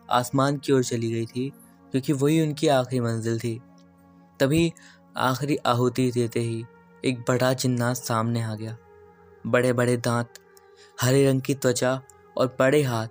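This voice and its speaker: A man telling a spooky first-person tale in a steady, earnest voice. His pitch sits in the ordinary middle range, and quiet background music plays under him. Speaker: horror story narrator. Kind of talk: first-person horror storytelling. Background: faint background music.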